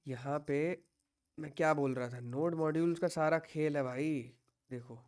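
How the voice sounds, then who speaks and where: A man's voice: on the high side, unhurried, a little mellow, clean tone. A young man giving a live online coding class, patiently guiding students through errors and mixing English tech terms into his speech. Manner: patient, reassuring, mixes English tech words into Hindi. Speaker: coding instructor.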